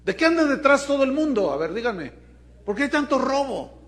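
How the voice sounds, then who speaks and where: Give me a Mexican man preaching a sermon in a high voice, emphatic and questioning his congregation. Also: very animated, fairly quick. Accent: Mexican Spanish. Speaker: pastor.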